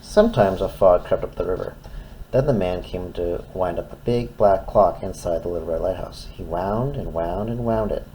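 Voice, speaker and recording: A man's voice: low-pitched, normal speed, warm tone, a little hiss or hum, rough recording. A man reading a children's story aloud expressively, in simple phrases as if to a toddler. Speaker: storytime reader.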